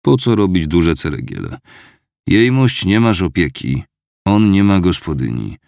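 A gloomy old clerk grumbling about the world, as a narrator puts him on. The voice is low and gravelly, with a lively rise and fall. Dry and close. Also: male voice, a little slow, no room sound, exaggerated voice. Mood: brisk practical. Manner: complaining, head-shaking grumble.

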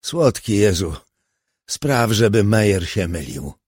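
A man voicing a commanding male police chief in an audiobook, giving brisk orders. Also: on the low side, sing-song, a little mellow, breathy edge, no room sound, studio quality, heavily acted. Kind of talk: audiobook character voice.

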